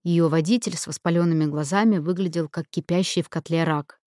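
A woman narrating an audiobook in a measured, expressive way. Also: lowish voice, no room sound, studio quality.

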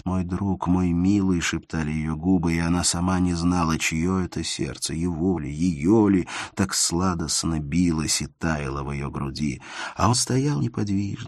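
A man narrating a classic novel in an audiobook, with a measured, expressive reading. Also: low voice, dry recording, studio quality.

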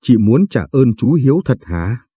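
A man voicing a mischievous teenage boy teasing his older sister in an audio story, playful and teasing, with a dark, husky voice. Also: mid-range voice, sing-song, a little slow, dry recording. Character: cheeky teenage boy, mischievous little brother.

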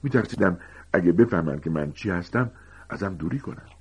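A man voicing a gentle, weary grown male teacher who calmly confides old secrets in a storybook reading. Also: deep voice, slightly rough, heavily acted. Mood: confiding. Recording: dull lo-fi recording.

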